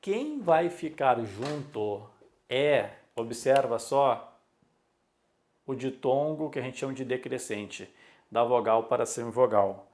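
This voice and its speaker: A male teacher giving a recorded exam-prep lesson. He talks at an unhurried, measured pace in an ordinary mid-range voice. He drills each point by saying the key words again and again. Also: mid-range voice, expressive, a little mellow. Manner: slow, deliberate, repeats key words for emphasis.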